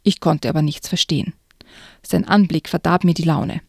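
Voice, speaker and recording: A woman reading a children's book excerpt aloud in a hushed, often whispered way, then chatting about it. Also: low voice, fairly even intonation, moderate pace, gravelly, slightly rough, no room sound, clean studio sound. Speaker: reader and co-host.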